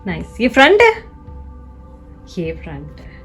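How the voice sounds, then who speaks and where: A woman's voice: lowish voice, wildly swooping pitch, takes it slowly, a bit bright, faint music behind. A young woman chatting casually in a home vlog, teasing her sister and talking to viewers. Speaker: vlogger.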